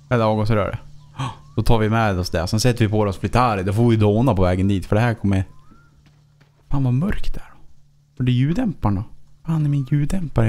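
A man's voice: lowish voice, a little mellow. A man giving casual let's play commentary as a gaming YouTuber, chatting to himself with frequent swearing and chuckles.

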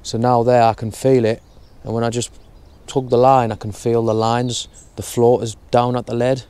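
A young man explaining his fishing setup in a relaxed, step-by-step way while outdoors at a lake. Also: mid-range voice, normal speed, clean tone. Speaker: fishing vlogger. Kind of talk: casual how-to narration. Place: outdoors at a lakeside bank.

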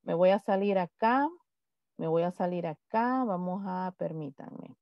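A woman teaching an online class, patiently repeating example sentences slowly. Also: fairly low pitch, creaky, dry recording. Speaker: English teacher. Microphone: video call. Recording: dull lo-fi video call audio.

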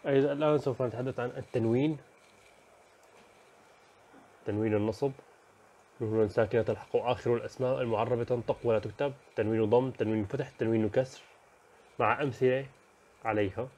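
A man talks quickly through an overview of a school lesson. He lists one topic after another in a brisk voice of middle pitch, stopping now and then for fillers and small self-corrections. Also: fairly even intonation, a little mellow. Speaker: teacher.

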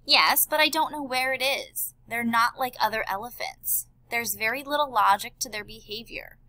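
A woman's voice: fairly high pitch, normal speed, bright, forceful tone, dry recording, low-quality recording. A woman voicing an earnest male elephant scientist and worried father in an audiobook. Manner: earnest, pleading.

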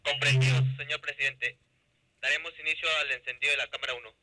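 A man heard over a handheld two-way radio as a control room operator, giving loud, clipped replies. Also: medium pitch, fairly even intonation, quick pace, low-quality recording.

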